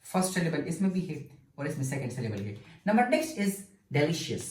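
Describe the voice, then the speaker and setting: Lively man teaching syllable stress. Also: a little high, a little fast, slight background noise. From Pakistan. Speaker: English teacher. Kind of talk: grammar lecture mixing Urdu and English. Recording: echoey room.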